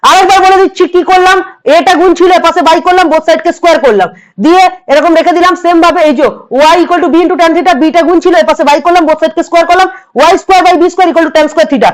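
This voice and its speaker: Fast-talking hoarse West Bengal tutor woman. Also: very high voice, steady tone, rough recording. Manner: repeats each step, coaxing students along. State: hoarse from a cold. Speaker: math tutor. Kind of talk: online exam-prep math lesson.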